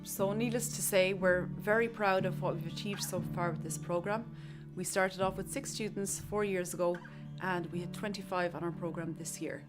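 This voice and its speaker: A woman's voice: on the low side, fairly even intonation, normal speed, over music. A woman, an academy director, speaking proudly and enthusiastically in a promotional interview.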